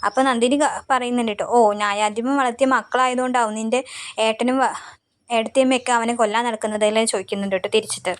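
A woman's voice: fairly high pitch, fairly even intonation, fast. A woman casually retelling a TV serial episode, quoting the characters in a chatty way. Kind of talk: casual spoken recap of a TV serial.

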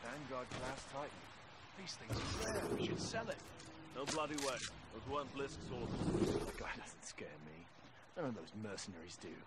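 An actor playing a rough, greedy enemy soldier in a video game. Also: male voice, medium pitch, expressive, normal speed, natural voice. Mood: cocky. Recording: distant voice in loud game noise.

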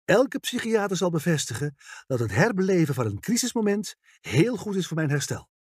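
A woman's voice: low voice, big pitch swings, normal speed, a little mellow, husky, no room sound, studio quality, full character voice. A man reading an audiobook, voicing a young female police trainee with a breezy, worldly-wise manner.

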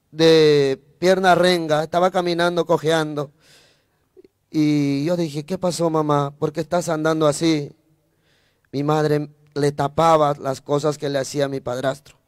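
A man preaching his testimony in a high, smooth voice that keeps close to one level. He repeats his phrases and breaks in with praise, turning often to address his listeners directly. The sound is dry and close. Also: no echo. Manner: fervent, repeats phrases, adds praise interjections. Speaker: evangelist preacher. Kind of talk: sermon testimony.

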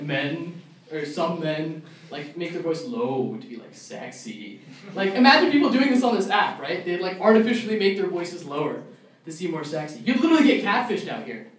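A young man doing a stand-up comedy set at a college club show, ranting in mock outrage. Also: high-pitched. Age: young adult. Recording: echoey room, mic far off, faint noise.

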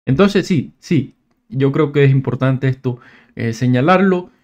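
A man giving a casual, screen-recorded software tutorial, thinking aloud and often restarting his words. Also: mid-range voice, a little slow. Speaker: tech tutorial presenter.

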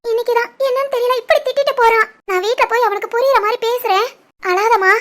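A woman with a Kanyakumari-Tirunelveli Tamil accent voicing a kindly old grandmother in an animated story, gentle and consoling. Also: very high-pitched, fast. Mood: soothing.

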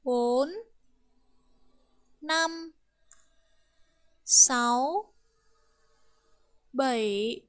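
A woman teaching Chinese with a Vietnamese accent, counting strokes aloud and drilling words slowly and carefully. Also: high voice. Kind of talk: slow, careful language lesson.

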